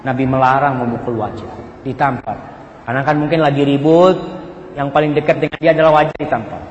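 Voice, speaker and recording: A man preaching a sermon, telling a story and acting out its dialogue, dropping between loud and soft passages, mixed in. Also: mid-range voice, steady tone, fairly quick, highs cut off, a little hiss or hum. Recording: roomy hall with long reverb, faint ambience.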